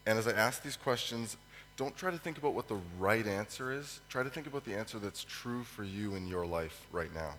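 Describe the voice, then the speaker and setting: Through a reverberant church hall with a faint hum, a man with a cold preaches into a microphone, hoarse and fading. His fairly low voice has a fairly bright tone, and he pauses to clear his throat and stumbles over ums.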